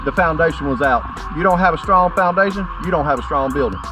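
Middle-aged male presenter, higher-pitched voice, plain-spoken step-by-step instruction outdoors, music bed underneath. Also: quick pace. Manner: plain-spoken, explains step by step, addresses viewers directly. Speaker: company presenter. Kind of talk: outdoor how-to demonstration. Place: outdoors by a driveway on a sunny rural property.

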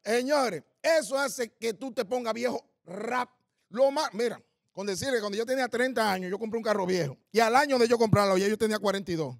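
Dominican male comic, high gravelly voice, punchy crude storytelling, dry close sound. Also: fairly quick, no echo. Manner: punchy storytelling with coarse slang, quizzing the audience. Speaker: stand-up comedian. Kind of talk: stand-up comedy. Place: live comedy stage.

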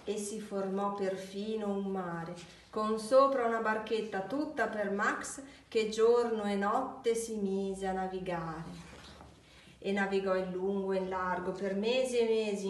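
Woman library reader, picture book aloud, very slow and high, echoey room, mic far off. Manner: slow, deliberate storytelling.

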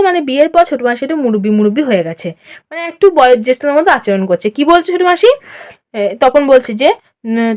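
A woman's voice: high-pitched, darkish tone. A woman teaching a literature lesson, repeating lines and asking and answering her own questions. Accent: Bengali. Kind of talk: explaining a Bengali literature lesson.

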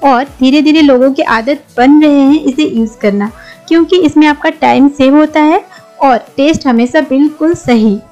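This middle-aged woman from India has a high-pitched voice and a moderate pace. Hosting a home cooking channel, she narrates friendly kitchen tips in Hindi laced with English words, with a soft music bed beneath the voice-over.

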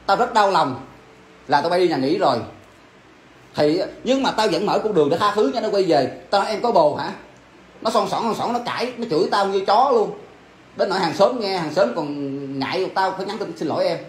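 Casting: a man as a betrayed husband, high voice, rapid-fire lecturing, echoey room. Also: lively intonation. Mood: heated. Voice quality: rapid, insistent, keeps demanding agreement. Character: wounded, scornful husband, middle-aged man. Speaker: husband confronting his cheating wife. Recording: echoey room with faint ambience.

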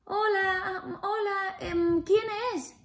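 A woman doing squeaky frightened little pigs. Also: fairly even intonation, very slow, heavily acted. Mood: scared. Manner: squeaky, pleading, trembling.

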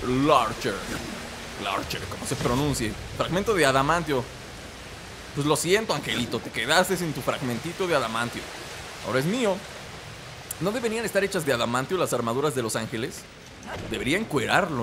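This let's play has a young man with a Mexican Spanish accent joking around with game characters in a very animated, mid-range voice, talking a little fast. The background is noisy, with the game's music and sounds playing loudly under him.

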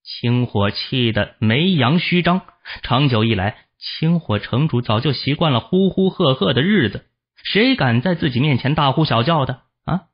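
A man narrating a fantasy novel as an audiobook, with expressive storytelling, in a dull lo-fi recording. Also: mid-range voice, normal speed, breathy edge.

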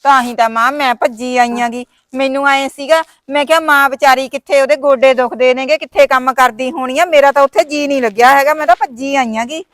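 Briskly and with hardly any pauses, a woman with a Malwa Punjabi accent delivers indignant complaints as a sulking sister-in-law in a family short film, refusing each offer and talking over objections. Her voice sits high, fairly bright, with fairly even intonation.

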